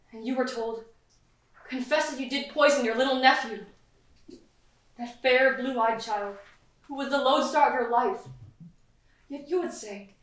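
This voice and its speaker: A woman acting as a proud young noblewoman defending herself at trial, high-voiced and impassioned on a theatre stage. The voice comes from well off the mic, with a big echo around it. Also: a bit bright. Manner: impassioned and pleading. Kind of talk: stage acting in a live play. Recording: echoey hall from far off.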